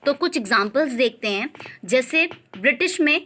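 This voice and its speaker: A young woman teaching a grammar lesson, reading English lines out slowly and deliberately, then explaining them patiently with frequent check-ins. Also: high voice, expressive, fairly bright tone.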